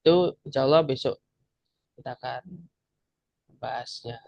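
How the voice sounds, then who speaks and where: A man's voice: medium pitch, normal speed, creaky, darkish tone, no echo. A man teaching an Arabic grammar class online, patiently explaining step by step and repeating each word. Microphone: video call. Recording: dull lo-fi video call audio.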